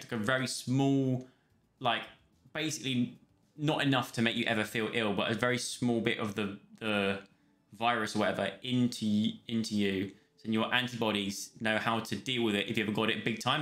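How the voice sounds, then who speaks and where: A man's voice: on the low side, normal speed, fairly bright tone. A young man chatting casually on a live stream, rambling between topics and thanking viewers. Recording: roomy sound with faint music.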